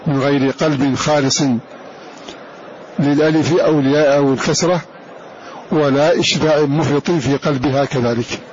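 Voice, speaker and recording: A man teaching a lesson on Quran recitation in a deliberate lecture style, repeating each term for his students. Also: on the high side, fairly even intonation, darkish tone. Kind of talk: classroom lecture. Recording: dull lo-fi recording with faint hiss.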